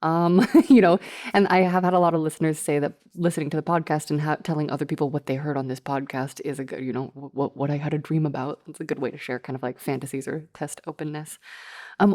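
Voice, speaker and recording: A woman's voice: deep voice, fast talker, darkish tone. Laughing podcast host, a woman. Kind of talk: casual interview chat.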